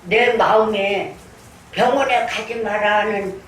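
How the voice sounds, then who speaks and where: Older woman preacher, unhurried and earnest, heard from afar in an echoey church. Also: mid-range voice, fairly even intonation. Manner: earnest storytelling, acting out her own prayers. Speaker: pastor. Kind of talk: sermon with personal testimony. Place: church sanctuary. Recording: echoey room, distant mic, faint noise.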